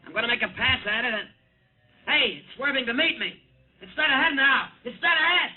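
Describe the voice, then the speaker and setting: A panicky young test pilot in an old radio play, high voice, swings all over, tinny old broadcast sound. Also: male voice, fairly quick, breathy edge, faint music behind. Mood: excited. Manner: urgent, pleading. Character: frantic young male rocket test pilot. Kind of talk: 1950s radio drama acting.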